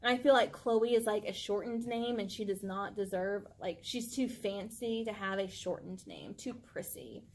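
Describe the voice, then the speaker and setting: A woman co-hosting a casual vlog, talking about her little dog. She gushes and leans on "like" as a filler. Her pitch sits at a plain middle height. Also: normal speed, hardly any pauses, a little hiss or hum. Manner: gushing, chatty, full of "like" fillers. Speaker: channel co-host. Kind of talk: casual chat about pets.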